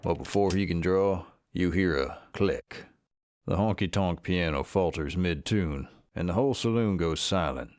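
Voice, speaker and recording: A steady western-game narrator in second-person scripted narration. His voice sits very deep and measured. Soft game music runs underneath. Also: no echo, studio quality. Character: calm male storybook narrator of a western, adult.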